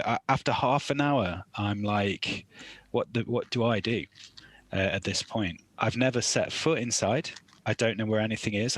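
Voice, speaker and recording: A man in his thirties with an English accent, telling a lively story on a casual podcast and acting out the lines he quotes. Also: on the low side, no echo. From England. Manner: animated storyteller, acts out quoted lines loudly. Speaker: podcast co-host, new father.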